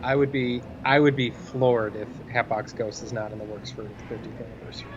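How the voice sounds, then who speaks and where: A man with a mid-range voice talks casually as co-host of a fan show. The live stream sound is dull and lo-fi, with clear noise behind him. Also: mid-range voice, steady tone, brisk. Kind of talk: casual chat.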